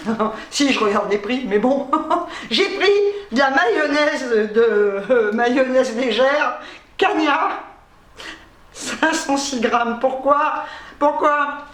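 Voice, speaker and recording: Woman vlogger, high and wound-up, laughing nervously through a haul, roomy echo. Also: slow pace, a bit bright. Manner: agitated, nervous laughter between phrases; swears casually. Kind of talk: casual shopping haul chat.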